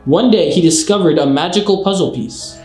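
A man's voice: sits high, a little fast, a little mellow. A young man doing casual let's play commentary and reading story text aloud. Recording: roomy echo, game music behind.

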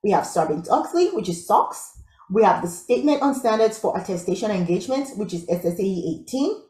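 A woman from Nigeria teaching a live online workshop on IT audits, talking fast and upbeat and often checking in with her audience. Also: mid-range voice, very animated, warm tone, roomy sound. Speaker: IT audit instructor.

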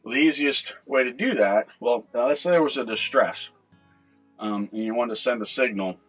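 A middle-aged man with a North American accent hosts an informal how-to vlog from the helm of a small boat cabin, explaining things conversationally. His voice is husky and medium-pitched at a moderate pace, with faint music in the background.

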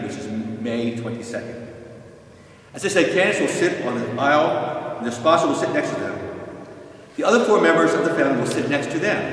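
A man's voice: mid-range voice, distant mic. Older man explaining in an echoey church. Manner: calm, plain explaining with frequent restarts. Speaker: parish pastor. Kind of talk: instructional walkthrough. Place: large empty church. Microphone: far camera.

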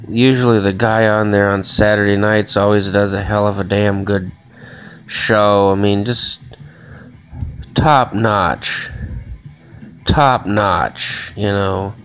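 A vlogger from the Chicago area rambles casually and swears often in a home vlog, shot on a handheld phone in a small room. His voice is fairly low and fairly bright, with fairly even intonation, a slow pace and frequent pauses.

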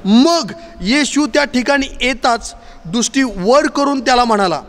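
A man's voice: extremely high pitch, animated, unhurried. A man preaching a sermon in a church, using repeated, emphatic pleading refrains. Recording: long church reverb.

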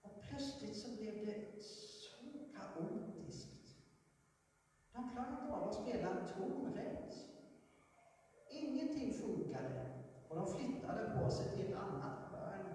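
A man preaching a lively sermon, telling stories and building to fervent proclamation. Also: high-pitched, distant mic, slight background noise. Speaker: pastor. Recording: echoey hall, voice from afar.

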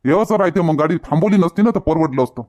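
A man's voice: fairly high pitch, expressive, fast, a little mellow. A man acting in a village comedy skit, talking in a bossy, grumbling way. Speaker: comedy sketch actor.

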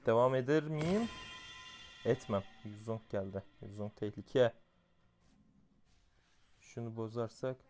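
A young man giving casual commentary over his own mobile gameplay, excitable, going from muttered grumbling to shouted outbursts. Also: mid-range voice, slow, long pauses, soft background music. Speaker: gamer playing a mobile game.

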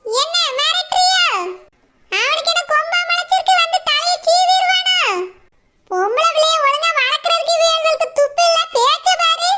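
A woman's voice: extremely high pitch, normal speed. A woman with a Kanyakumari Tamil accent, playing an older village woman who scornfully accuses and curses the other family. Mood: accusing. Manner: scornful, accusing, shouting in a street quarrel. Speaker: angry mother of the groom's side. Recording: loud background noise.

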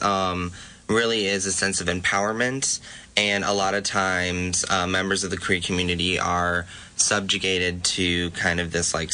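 Student guest, young man, deep monotone, bright timbre, halting explanations. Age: young adult. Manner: hesitant, frequent "um". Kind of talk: casual radio interview. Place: campus radio studio.

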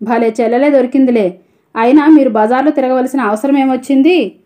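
A woman reading a storybook, voicing an arrogant rich young wife who speaks in a sharp, scornful way. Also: high voice, brisk, natural voice.

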